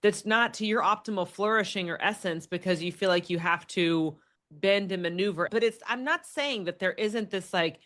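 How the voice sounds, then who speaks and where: A young adult woman chatting casually on a podcast, lively and expressive, often acting out what she says to others and restarting her sentences. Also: mid-range voice, normal speed. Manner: animated, acts out quoted speech, frequent restarts. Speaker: podcast guest.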